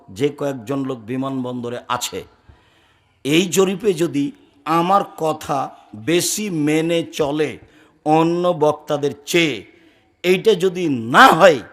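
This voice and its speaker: A man preaching a Friday sermon, forceful and firm, swinging from loud declaiming to low murmurs. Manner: speaks firmly and loudly by habit.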